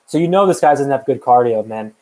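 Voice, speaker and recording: A man's voice: medium pitch, expressive, quick pace, mellow, rough recording. A young man co-hosting a podcast, talking through fight picks in a loose, rambling way with lots of fillers and restarts. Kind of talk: casual chat.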